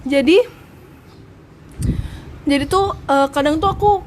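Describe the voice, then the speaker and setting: A young woman hosting a casual live stream, chatty and giggly, answering viewer questions and admitting she talks too fast. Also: high voice. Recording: noisy live stream audio.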